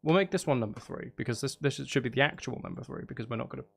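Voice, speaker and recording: Rapid-fire and slightly rough with vocal fry, a medium-pitched man talks casually on a live stream while making music. Over background music, he counts and hums rhythms, thinking aloud as he goes.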